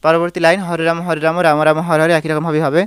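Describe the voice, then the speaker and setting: A man's voice: a little high, monotone, racing, soft background music. A man with a Bengali accent teaching a devotional song on the harmonium, explaining patiently and singing short sung phrases. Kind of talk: music lesson, explaining and singing examples.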